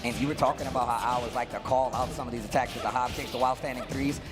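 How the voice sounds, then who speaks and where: A man's voice: mid-range voice, steady tone, racing. A man commentating on a fighting game tournament with casual, slangy analysis of the play. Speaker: esports commentator. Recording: music playing behind the voice.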